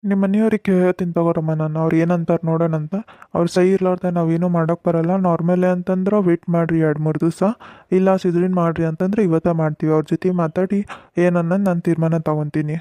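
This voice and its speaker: A man voicing a calm cartoon doctor, North Karnataka accent. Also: on the high side, fast talker, no room sound, close to an everyday voice. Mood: reassuring. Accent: North Karnataka Kannada. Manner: patient, explaining, soothing. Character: calm, reassuring male hospital doctor. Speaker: voice actor. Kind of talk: cartoon comedy voice acting.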